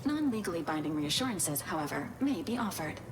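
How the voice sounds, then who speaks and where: A woman's voice: on the low side, sing-song, brisk. A woman voicing a clinical, legalistic medical robot in a video game. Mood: formal, detached. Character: formal, literal female medical robot assistant. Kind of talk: scripted video game dialogue. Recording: clear background ambience noise.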